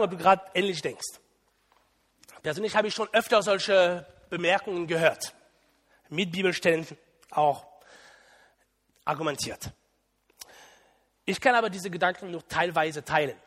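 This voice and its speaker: A man preaching a sermon, telling stories with animated bursts of emphasis. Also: high voice, a little slow, long pauses, in a large hall.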